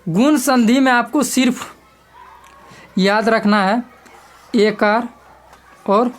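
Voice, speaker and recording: A woman's voice: on the high side, slow pace. Woman teacher repeating grammar terms. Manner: repeats key terms and asks the class questions. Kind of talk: grammar lesson explained step by step.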